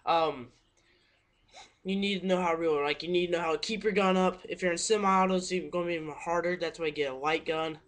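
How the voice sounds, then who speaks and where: A man's voice: a little high, steady tone, fast, fairly bright tone. A teenage boy talking casually into his webcam at home, rambling, correcting himself and apologizing, a bit out of breath. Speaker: paintball vlogger. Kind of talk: casual webcam tips talk.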